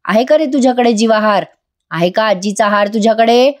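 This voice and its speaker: A woman reading an angry older father's lines aloud in a TV serial review, shouting and accusing. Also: a little high, normal speed, close to an everyday voice.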